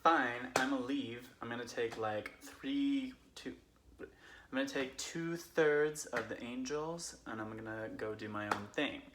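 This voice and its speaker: A man's voice: mid-range voice, measured pace, lightly acted. A man putting on a casual, tipsy Californian friend who rambles through comedic stories in a slangy, filler-heavy way. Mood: loose, animated. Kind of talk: comedic storytelling. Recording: roomy echo, faint background noise.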